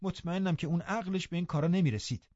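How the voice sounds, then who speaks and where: A man's voice: medium pitch, very animated, mellow, dry recording, lo-fi sound. A man voicing a stern middle-aged housekeeper who scolds firmly and scornfully, in an audiobook reading. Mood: scolding.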